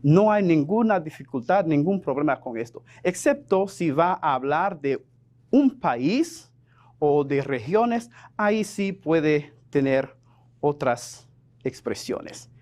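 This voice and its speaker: A man's voice: fairly high pitch, sing-song, slow pace, a little mellow. A man teaching a televised lesson, explaining patiently and repeating examples as he moves between French and Spanish.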